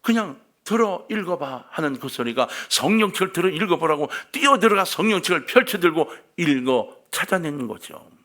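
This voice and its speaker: A male pastor preaching a sermon, telling a story with swings from hushed, quiet lines to emphatic, raised passages. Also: on the high side, sing-song, a little fast, hardly any pauses.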